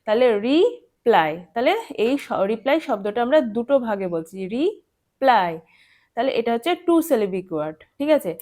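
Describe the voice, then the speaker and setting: A woman teaching a children's English lesson, patient and clear, asking questions and answering them herself and spelling words out letter by letter. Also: on the high side, lively intonation, fast, few pauses, dark tone. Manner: patient, asks and answers her own questions.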